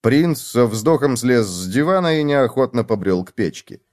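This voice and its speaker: A male narrator reading a scripted children's audiobook. His telling is expressive, his pitch moving up and down freely as he tells the tale. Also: normal speed. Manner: expressive storytelling.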